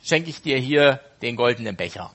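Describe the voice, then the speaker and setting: A man's voice: medium pitch, lively intonation, normal speed, a bit bright. A man quoting a friendly, grateful male host in a parable he is retelling. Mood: glad.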